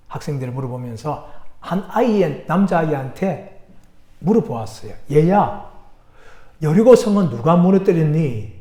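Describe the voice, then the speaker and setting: A pastor delivering a sermon, telling a story animatedly and asking the congregation questions. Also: male voice, a little high, roomy sound. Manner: animated storytelling, acting out quoted characters. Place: church sanctuary.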